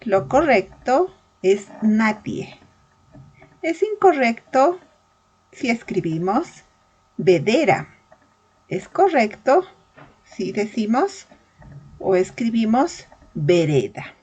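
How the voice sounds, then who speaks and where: A woman teaches a language lesson at a slow, careful pace, stating one example after another. Her voice is slightly husky and sits a little high. Her pitch moves a lot as she stresses each word. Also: big pitch swings, darkish tone, muffled recording. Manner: slow, deliberate, spelling out examples. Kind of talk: verbal reasoning lesson.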